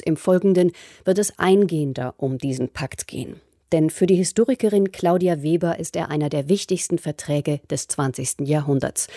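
A woman presenting a scripted radio introduction in a measured, factual way. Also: deep voice, mellow, dry recording, clean studio sound.

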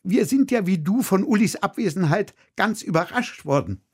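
A man's voice: high voice, expressive, normal speed, slightly rough, voice pushed up. A man reading aloud from his book, voicing a flustered, loyal woman dramaturge who stammers apologies. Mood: apologetic.

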